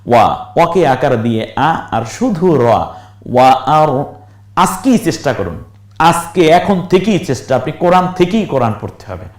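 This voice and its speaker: A man's voice: fairly high pitch, very animated, echoey room. A man teaching how to read aloud, spelling words out syllable by syllable and asking viewers questions. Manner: slow syllable-by-syllable drilling, asks viewers questions. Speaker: Quran reading teacher. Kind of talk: recorded lesson, spelling and chanting words.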